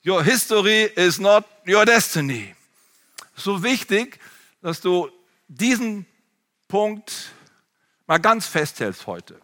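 Animated male pastor, bright tone, sermon in a church with long reverb. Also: high-pitched, slow, pauses often. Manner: animated, addresses congregation directly.

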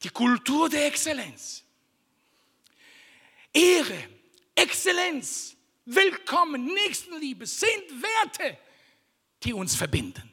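A man preaching a sermon as pastor of his church, emphatic, swinging from shouted lines down to hushed whispers. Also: extremely high pitch, very animated, slow, pauses often. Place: church service. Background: music.

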